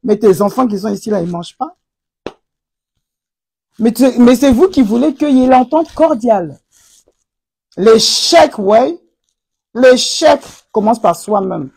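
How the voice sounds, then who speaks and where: Woman hosting a live stream, husky and gravelly, preachy, breaks into loud exclamations. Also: on the high side, animated, a little slow, pauses often. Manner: preachy, rises to loud exclamations and repeats "aïe". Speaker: live stream host answering viewer comments. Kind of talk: impassioned casual talk on faith and couples.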